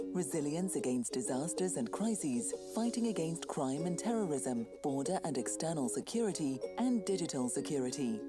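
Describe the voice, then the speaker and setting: A woman reading scripted explainer narration in a formal informational style. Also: sits low.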